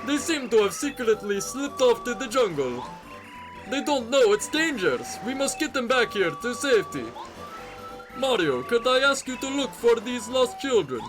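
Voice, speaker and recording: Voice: mid-range voice, very animated, normal speed, voice pushed up, lightly acted. A performer voicing a fussy, anxious male dinosaur village chief in a raised voice, over game music. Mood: worried.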